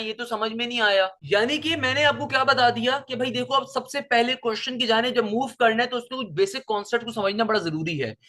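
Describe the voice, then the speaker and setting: A man's voice: very high voice, sharp tone. Guy teaching a maths class, keeps asking "right?" and repeating stuff, english terms mixed in. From Pakistan. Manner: repetitive, rhetorical questions to students; mixes English terms into Urdu speech. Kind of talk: classroom lecture.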